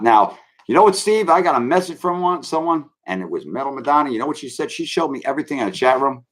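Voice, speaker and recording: A man with a fairly low, fairly bright voice hosts his own online show in a rambling live-stream rant. Brash and swaggering, he rants loosely and keeps calling his viewers kids.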